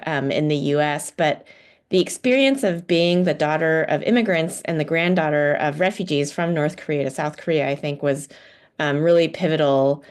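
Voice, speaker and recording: Brief: low-pitched woman from the US, professor, talks over video call, thoughtful and a bit hesitant. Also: clear, resonant tone. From United States (Houston, Texas). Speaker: guest speaker, political science professor. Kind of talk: online lecture talk.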